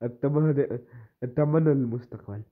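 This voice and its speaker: A man's voice: mid-range voice, fairly quick. A man giving casual, amused reaction commentary on a story. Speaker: reaction video host. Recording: tinny phone-like sound.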